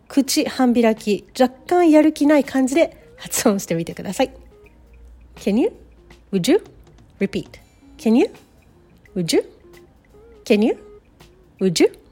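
A woman teaching a bilingual English lesson, upbeat and encouraging, modeling English phrases slowly for learners. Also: high-pitched, mellow.

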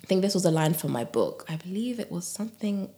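A woman guest on a podcast, a yoga teacher and author, talking in a gentle, soothing way with frequent laughs and soft breathy asides. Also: lowish voice, very animated, fast. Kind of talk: relaxed podcast conversation.

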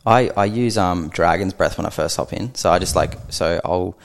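A laid-back Australian man chats as a podcast guest. His voice sits low and gravelly, and he swears freely. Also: moderate pace. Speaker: guest, gym co-founder. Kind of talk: casual podcast chat.

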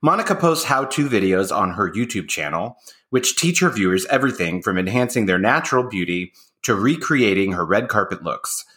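This man's voice sits lowish, swings widely in pitch, and moves fairly quickly with a fairly bright tone. He hosts a podcast and is a makeup artist, reading a guest intro before drifting into relaxed interview chat peppered with filler words.

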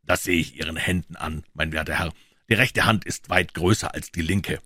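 A man voicing a shrewd, calm detective who explains in a low, measured, quietly assured way in an audiobook. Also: no echo, studio quality, full character voice. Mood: explaining. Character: shrewd calm male detective, dryly ironic. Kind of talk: audiobook character voice.

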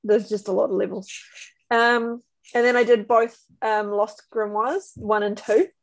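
A woman's voice: fairly high pitch, steady tone, unhurried, dry recording. A woman in a casual gaming chat as one of a podcast panel.

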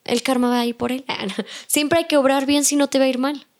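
A woman's voice: high voice, steady tone, fast. A woman with a Mexican accent, chatting as a guest on a podcast and acting out the people she quotes. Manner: chatty, acts out quoted voices. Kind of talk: casual podcast chat.

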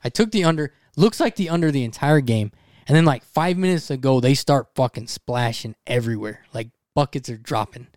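Animated swearing man telling a story. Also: mid-range voice, brisk, no room sound, clean studio sound. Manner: animated, swears freely, acts out voices in his story. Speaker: podcast co-host. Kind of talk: casual podcast storytelling.

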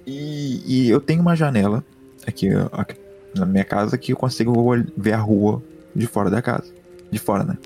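Male podcast co-host, gravelly and mellow, excitable storyteller with faint music under. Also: mid-range voice, normal speed. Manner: excitable, repeats words and slang. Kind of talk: casual storytelling chat. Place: home room.

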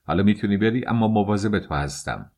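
A man's voice: fairly low pitch, animated, darkish tone. A man voicing an angry, bullying police officer who scolds harshly. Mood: scolding.

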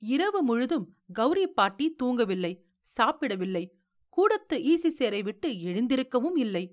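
A woman reads a literary story aloud in a high voice. Her narration is measured and expressive.

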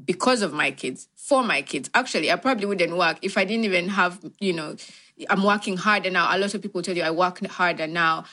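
A woman's voice: lowish voice, fairly quick, bright, forceful tone. A young adult woman from Uganda, an entrepreneur answering interview questions in a reflective way, with many fillers and restarts.

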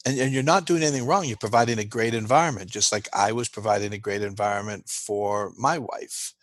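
A man's voice: lowish voice, brisk. A man giving an interview as a guest expert, explaining earnestly and checking in with "right?" as he goes.

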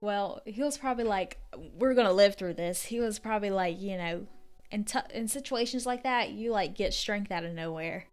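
A woman's voice: medium pitch, moderate pace, clean tone. A woman co-hosting a podcast, casually retelling a true story with fillers and acted-out quotes. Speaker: podcast co-host.

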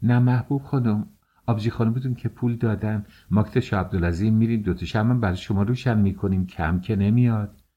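A man's voice: on the low side, warm tone, highs cut off, voice pushed up, lightly acted. A man reading an audiobook, voicing a wily old servant woman who fawns and wheedles. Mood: wheedling. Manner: fawning, wheedling.

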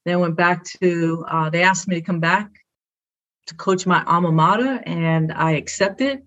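A woman's voice: fairly low pitch, unhurried, a bit bright, muffled recording. A middle-aged woman with a Brooklyn accent, a guest talking proudly and upbeat in short phrases about her work as an athletic director. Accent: Brooklyn New York. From Brooklyn, New York. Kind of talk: conversational interview.

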